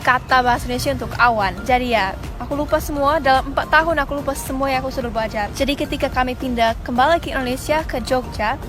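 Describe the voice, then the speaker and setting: High-pitched and fast, this American woman from Texas speaks English in a relaxed vlog to camera, dropping in small fillers, with music in the background.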